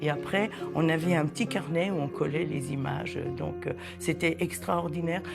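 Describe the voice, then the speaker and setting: A woman in her sixties who grew up in southern Italy and speaks Italian as her first language. She tells her story haltingly, with frequent pauses and fillers, in a voice that has a noticeable creak. Faint music sits under her voice. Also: sits low, fairly even intonation. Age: 60s. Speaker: interviewee. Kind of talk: personal testimony in a documentary.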